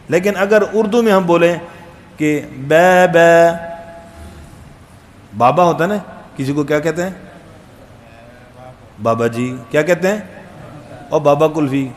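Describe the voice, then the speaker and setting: Man teaching Quran reading. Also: on the high side. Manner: drills letters aloud, loud and drawn out; asks students questions, jokes. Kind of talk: classroom tajweed lesson.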